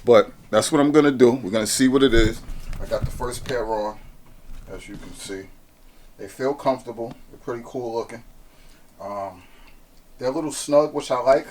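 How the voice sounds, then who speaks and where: Hyped, chatty male fitness vlogger; casual review talk, mid pitch, drifts on and off the camera mic. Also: slight background noise. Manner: hyped, chatty, lots of restarts and ums. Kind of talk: casual product review vlog.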